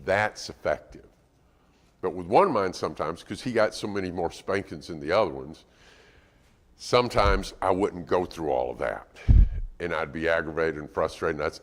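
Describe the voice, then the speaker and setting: A man's voice: low-pitched, normal speed. A middle-aged man preaching a sermon in a conversational way, sometimes acting out what parents and children say. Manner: conversational, acts out quoted parents and children in lively bursts.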